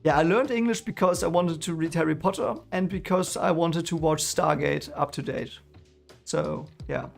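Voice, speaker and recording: Soft music runs in the background as a man, German by first language and accent, rambles to his live chat about a book he's reading. A streamer going through a book series, he has a fairly high, creaky voice at a moderate pace, full of fillers and restarts.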